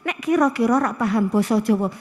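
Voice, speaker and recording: Woman, middle-aged, Javanese accent, university lecturer, lively lecture, rhetorical questions, long hall reverb. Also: a little high, fairly quick. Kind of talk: classroom lecture.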